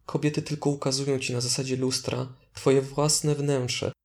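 Calm guy doing guided meditation, flat steady voice, medium pitch, gently telling you what to do. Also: creaky. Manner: calm, deliberate, instructing with gentle prompts.

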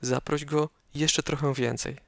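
A man narrating a guided meditation slowly and calmly, giving measured instructions with pauses, close up as if right in your ear. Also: fairly high pitch, vocal fry, no echo.

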